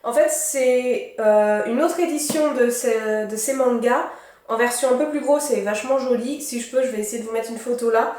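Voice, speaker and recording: A woman's voice: fairly high pitch, moderate pace, darkish tone, a little hiss or hum. A young woman in her twenties, a student, chatting casually and rambling through a book haul with many fillers. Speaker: book vlogger. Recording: echoey room.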